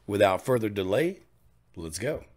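A man's voice: lowish voice, sing-song, normal speed. A man hosting a reaction channel, chatting casually and reacting with enthusiasm over faint music. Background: faint music playing.

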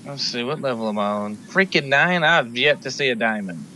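Man, teasing gamer, animated pitch, casual chat, noisy headset audio. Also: normal speed. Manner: joking, teasing.

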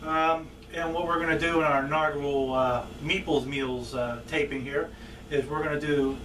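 A man in his thirties talks from a little way off the mic in a home room with faint noise behind him. He is a chef hosting a casual how-to vlog. His voice sits a bit high for a man, and his delivery is plainspoken and halting. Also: fairly even intonation, fairly bright tone. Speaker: chef hosting a cooking and board game show. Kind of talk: casual instructional vlog talk. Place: indoors at home, table and kitchen. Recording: distant mic with background noise.

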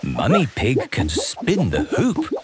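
A man narrating a children's cartoon in a calm, matter-of-fact way. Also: medium pitch, takes it slowly, over a noisy crowd. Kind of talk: scripted narration.

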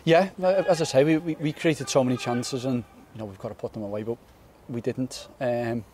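A young man in his twenties, a footballer giving a post-match interview outdoors on a floodlit pitch at night, earnest and repeating words as he thinks. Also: normal speed, a little mellow, a little hiss or hum. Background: faint outdoor stadium ambience.

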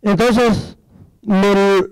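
Man giving a church testimony, high voice, smooth resonant tone, dry close sound, storytelling with rhetorical questions. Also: fairly even intonation, extremely slow, no echo, low-quality recording. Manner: storytelling, acts out dialogue, asks the audience rhetorical questions.

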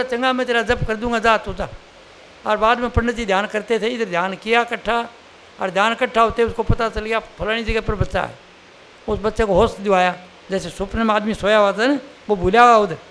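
Older male spiritual teacher, very high voice, homely sermon, faint tape hiss. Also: fairly even intonation, fairly quick, fairly bright tone. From India. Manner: plain conversational preaching with examples. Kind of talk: satsang sermon.

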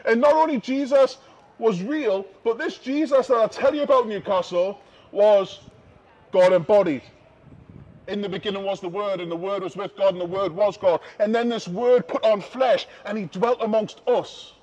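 A man preaching in the open air on a city street, emphatic and repetitive, swinging between loud declarations and hushed asides. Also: sits high, normal speed, lo-fi sound. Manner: emphatic, repeats key phrases, shifts between loud and hushed.

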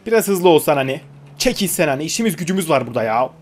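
A man's voice: a little high, very animated, racing. Chatty young man narrating gameplay. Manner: chatty, jokey, swears casually, talks to game characters. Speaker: gaming YouTuber. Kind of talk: casual gameplay commentary.

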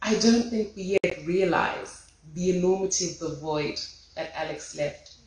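A woman's voice: fairly low pitch, measured pace, darkish tone. Impassioned woman at a podium, echoey hall. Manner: impassioned, rhetorical, rising in force. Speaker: memorial speaker. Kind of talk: memorial tribute speech. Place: large lecture hall with audience. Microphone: podium microphone.

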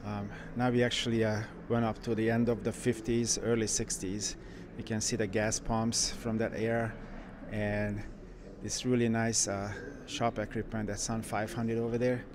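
A man who runs a car shop, walking through a car museum and giving casual, enthusiastic commentary with frequent pauses. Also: fairly low pitch, flat delivery, noisy background. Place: indoor car museum halls.

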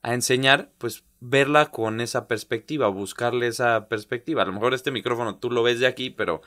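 Bright-voiced man, halting and reflective. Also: medium pitch. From Mexico. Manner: halting, many restarts and "¿sabes?" tags. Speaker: interview guest, former pro footballer and youth coach. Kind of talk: reflective conversational interview.

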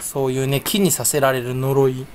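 A man's voice: mid-range voice, level tone, normal speed, darkish tone. A young man chatting alone at his computer in a casual, rambling way, mumbling to himself and mocking his own poor memory. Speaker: streamer. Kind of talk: casual solo chat while browsing online.

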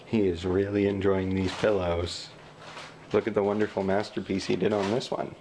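Joking dad vlogging with a handheld camera. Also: male voice, sits low, little pitch movement, moderate pace, a little mellow, slight background noise. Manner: joking, chatty, talks to camera. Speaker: family vlogger. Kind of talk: casual home vlog. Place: cluttered living room at home.

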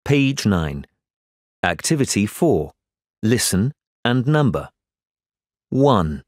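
Slow man reading lesson cues. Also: fairly low pitch, big pitch swings, dry recording, clean studio sound. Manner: slow, clear, measured reading. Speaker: textbook audio narrator. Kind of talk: announcing page and activity numbers.

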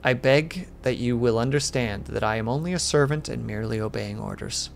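A man reading aloud and voicing an uneasy company messenger who speaks quietly and stiffly formal. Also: mid-range voice, brisk, vocal fry, a little hiss or hum, close to an everyday voice. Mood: somber.

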